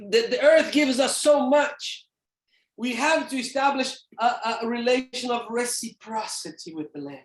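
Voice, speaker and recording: A man from Brazil with a Brazilian Portuguese accent, giving an animated, playful church lecture as a theologian. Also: very high-pitched. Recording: echoey church hall.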